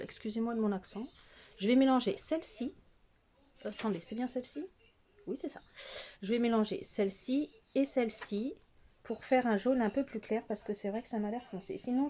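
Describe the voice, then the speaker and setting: Chatty mellow-voiced woman beauty vlogger. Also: on the high side. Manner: chatty, hesitant with frequent fillers, addresses viewers directly. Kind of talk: casual makeup tutorial chat. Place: at home, close to the camera.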